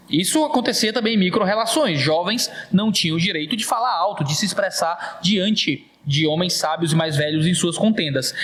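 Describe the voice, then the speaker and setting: Male pastor, Brazilian Portuguese accent, high voice, emphatic repetitive sermon delivery. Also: a bit bright. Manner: emphatic preaching with repeated phrases.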